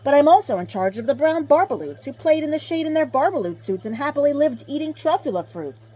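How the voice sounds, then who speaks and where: A grumpy little old forest guardian from a storybook, acted out by a woman reader. The voice jumps high and emphatic, with a croaky edge. It scolds in a snappish, indignant way. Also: expressive, quick pace, dark tone. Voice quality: croaky, coughing.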